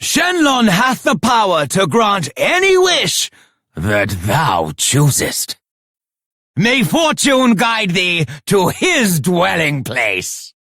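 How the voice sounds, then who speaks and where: A man's voice: high-pitched, huge pitch swings, takes it slowly, bright, forceful tone, no room sound, clean studio sound, heavily acted. A man voicing a pompous, regal castle lord in a fantasy game, making grandiose proclamations in archaic speech. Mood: grand, welcoming. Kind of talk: scripted fantasy game dialogue.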